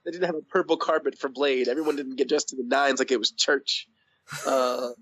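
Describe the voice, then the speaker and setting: A man guest in a casual interview, hoarse with his voice going out, talking in a rambling, enthusiastic way. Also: mid-range voice, fairly even intonation, fairly quick, fairly bright tone. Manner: rambling, enthusiastic, laughs often. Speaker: podcast guest. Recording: dull lo-fi audio.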